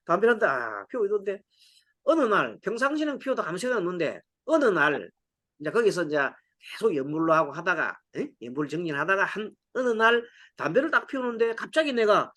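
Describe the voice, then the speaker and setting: A middle-aged man, a Buddhist monk, giving a Sunday dharma talk, telling stories with acted-out dialogue and frequent laughs. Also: high voice. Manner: lively storytelling, acts out dialogue, laughs often.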